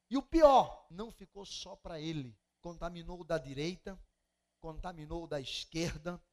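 High-voiced Brazilian pastor preaching. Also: male voice. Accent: Brazilian Portuguese. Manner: animated preaching with sudden loud outbursts. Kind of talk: sermon. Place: church.

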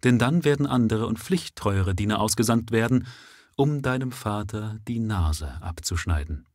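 A man's voice: fairly low pitch, expressive, normal speed, darkish tone, dry recording, studio quality, lightly acted. A man reading a story aloud and voicing a cheeky, greedy servant who talks with mock humility. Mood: warning. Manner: cheeky, coaxing, mock-humble. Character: sly, greedy young male jailer's servant.

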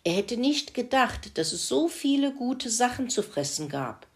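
A woman reading a children's farmyard story aloud in a gentle, expressive way. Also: on the high side, unhurried.

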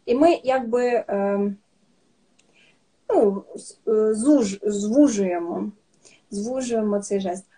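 A woman's voice: mid-range voice, takes it slowly, pauses often, warm tone, husky. A Ukrainian woman patiently teaching signs in a casual podcast chat, with many fillers and restarts. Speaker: sign language teacher, guest.

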